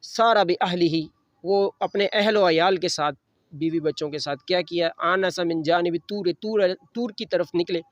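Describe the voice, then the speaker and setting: High-voiced man teaching a religious lesson. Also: no echo, lo-fi sound. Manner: recites Arabic verses slowly, then explains them in Urdu. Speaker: Quran teacher. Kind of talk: religious lesson with Arabic recitation and Urdu explanation.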